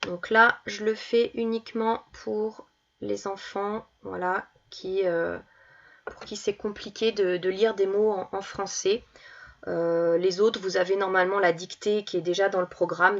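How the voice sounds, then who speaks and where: A woman teaching young children, reading words slowly and clearly and stressing each one as she goes through worksheet exercises. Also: medium pitch, level tone, muffled recording. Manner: slow, deliberate, stresses each word. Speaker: primary school teacher.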